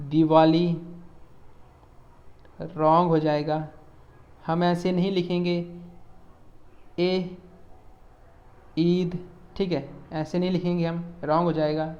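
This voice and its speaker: A man teaching an exam-prep grammar lecture. He repeats each rule patiently, reads example sentences slowly and checks in with "theek hai" after nearly every point. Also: fairly high pitch, a little mellow. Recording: slightly dull lo-fi recording.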